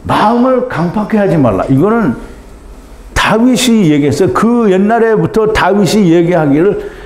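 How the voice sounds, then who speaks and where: A man preaching a sermon as a pastor, pleading and impassioned, swinging between shouts and low, urgent appeals. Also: lively intonation, moderate pace. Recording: echoey room.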